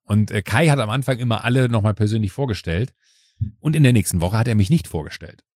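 A man hosting a casual chat who tells a personal story, acting out the voices he quotes and filling pauses with "uh". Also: on the low side, no echo, studio quality. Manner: lively storyteller who acts out quoted voices, frequent "äh" fillers.

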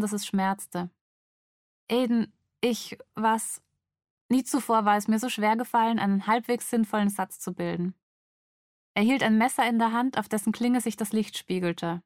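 A woman, an author, reading a tense first-person scene from her novel aloud in a measured, steady way. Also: mid-range voice, no room sound, studio quality.

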